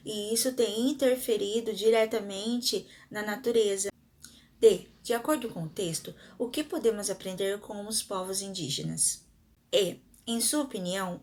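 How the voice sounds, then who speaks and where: A woman schoolteacher with a Brazilian Portuguese accent, giving a recorded lesson to her pupils. She explains patiently, step by step, sounds words out syllable by syllable, and asks the class questions that she then answers herself. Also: medium pitch.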